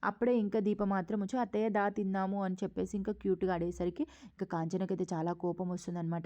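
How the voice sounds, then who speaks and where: A woman's voice: fairly low pitch, level tone, fast talker, warm tone, muffled recording. A woman casually retelling a TV serial episode in a chatty way, full of fillers. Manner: chatty, many fillers, acts out quotes. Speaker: TV serial reviewer.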